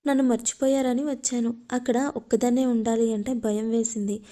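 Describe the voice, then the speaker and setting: A woman voicing a scheming young woman who turns up uninvited, reading her lines in a flat, even way. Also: fairly high pitch, fairly quick, natural voice. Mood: innocent.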